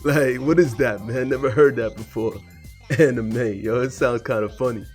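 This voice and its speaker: A man's voice: mid-range voice, fairly even intonation, normal speed, a little mellow, faint music behind. A man hosting a cartoon reaction, talking in laid-back slang and rambling with laughs. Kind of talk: casual slangy reaction commentary.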